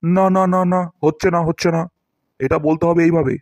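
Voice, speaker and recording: A man's voice: fairly high pitch, brisk, a little mellow, no echo, close to an everyday voice. A man voicing a boastful, pompous male English teacher in a cartoon, scolding his pupils and acting out each word theatrically.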